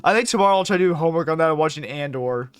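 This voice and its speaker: A man's voice: fairly high pitch, very fast, clean tone, no room sound. A young man streaming live, chatting casually with viewers in a rambling way, cursing freely and laughing often.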